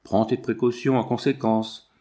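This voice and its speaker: A man's voice: medium pitch, little pitch movement, moderate pace, dark tone, lightly acted. A man reading the part of an ironic, worldly husband who lectures his friend, in an audiobook character reading. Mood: warning. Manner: teasing, lecturing, lightly ironic.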